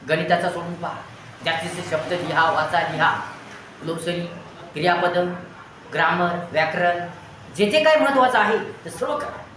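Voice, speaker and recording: A man with a high voice teaches, giving students an earnest motivational talk built from long, repeated lists of advice. There's background noise, and the room is very echoey with faint ambience.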